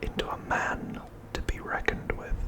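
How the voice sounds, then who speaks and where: Hushed and in no rush, the ASMR host talks through a show-and-tell unscripted, the whisper soft, breathy and entirely unvoiced.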